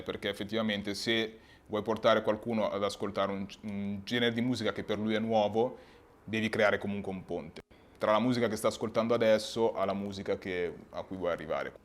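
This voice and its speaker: A man, a music producer, talking casually in an interview in a halting, self-correcting way. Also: on the low side.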